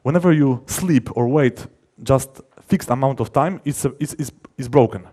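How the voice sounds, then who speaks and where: A man at a conference, a software developer, talks at normal speed in a mellow, laid-back voice of average male pitch. He explains technical subjects casually and stresses key words. His sentences often stop and start over as he rephrases.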